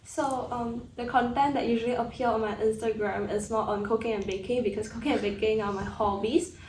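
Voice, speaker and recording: A young woman from Malaysia, a student guest answering questions in a steady, casual way. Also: a little high, brisk, slight background noise. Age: young adult. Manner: steady, opens answers with "alright, so". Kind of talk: casual chat. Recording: echoey room, distant mic, faint ambience.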